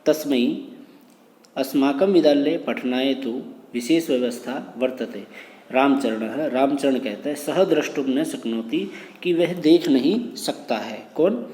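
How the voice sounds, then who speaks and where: Male teacher, unhurried, mid-pitched voice, reads and translates line by line; reverberant room sound. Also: warm tone. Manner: reads each phrase, then translates it; slow, patient drilling. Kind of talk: explaining a lesson line by line. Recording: roomy with long reverb, faint noise.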